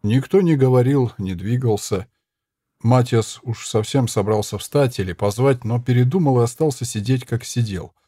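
Husky-voiced male audiobook reader. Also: medium pitch, moderate pace, mellow, no room sound, clean studio sound. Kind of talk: audiobook narration.

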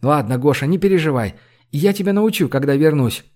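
A woman's voice: low voice, lively intonation, a little fast, a little mellow. A male narrator voicing a bold, blunt young woman scout who talks in an offhand, breezy way.

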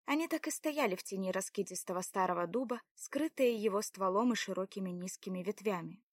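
A woman narrating a story in an even, measured reading. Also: mid-range voice, dry recording. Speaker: audiobook narrator. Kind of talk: scripted narration.

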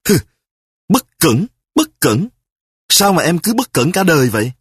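A man playing a sick, petty husband who scolds his wife in rapid-fire accusations in a spoken story. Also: on the high side, very animated, slightly rough, no echo, studio quality, pitched above the performer's own voice, heavily acted. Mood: accusing. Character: sick, petty, quarrelsome husband, self-righteous.

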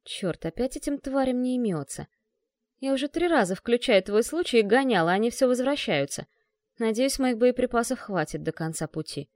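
A woman's voice: fairly high pitch, expressive, moderate pace, a little mellow, no room sound, pitched above the performer's own voice, lightly acted. A woman voicing a cold, dismissive woman who has been turned into a bio-robot. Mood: irritated. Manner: dry, dismissive.

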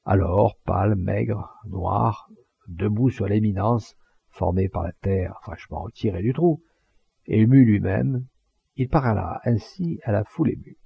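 Husky, gravelly male audiobook narrator. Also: on the low side, no room sound, lo-fi sound. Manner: measured, expressive reading. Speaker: audiobook reader.

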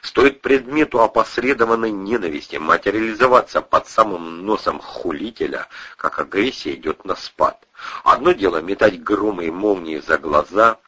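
A man narrating a story with a lively, wry delivery. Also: low-pitched, moderate pace, husky, highs cut off. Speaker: audiobook reader. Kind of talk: expressive book narration.

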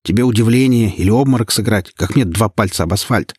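A man's voice: lowish voice, brisk, a little mellow, breathy edge, dry recording, studio quality. A man voicing a sly, sarcastic male detective who mocks and uses slang. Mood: mocking. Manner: mocking, slangy.

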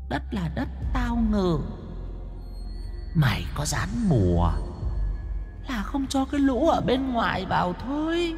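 Shrill vengeful old ghost woman, hissing threats; a man voices her in a ghost-story reading. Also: big pitch swings, takes it slowly, long pauses, a little mellow, long reverb tail, faint music behind, full character voice. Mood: menacing. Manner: threatening, screeching curses. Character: vengeful old female earth spirit, shrill and menacing.

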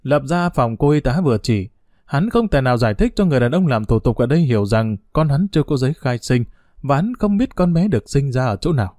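A man's voice: medium pitch, a little fast, no room sound. Man reading a story in a dry close voice. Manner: steady storytelling. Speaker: narrator. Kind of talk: audiobook story narration.

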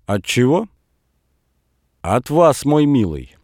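A man's voice: medium pitch, big pitch swings, takes it slowly, a little mellow, dry recording, studio quality, pitched above the performer's own voice. A man reading aloud, voicing an imperious, reproachful elderly grandmother in a storybook reading. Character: stern, wounded elderly countess grandmother.

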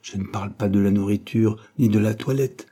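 A man voicing a calm, earnest young woman who gives firm, measured moral advice in an audiobook. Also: on the low side, natural voice. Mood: earnest reproach.

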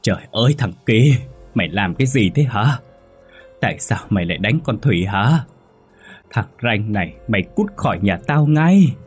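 A man voicing a frail elderly mother, high and anguished, in an audio horror story. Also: moderate pace, darkish tone, slightly rough, faint music behind. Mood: outraged. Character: frail elderly mother, shrill, grieving and furious.

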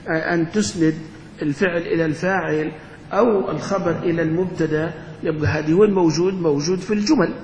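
A sheikh teaches a grammar class in a lecture hall, his fairly high voice ringing with long reverb. He keeps asking the students questions and then answering them himself. The recording is dull and lo-fi, with a faint hum underneath. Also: darkish tone.

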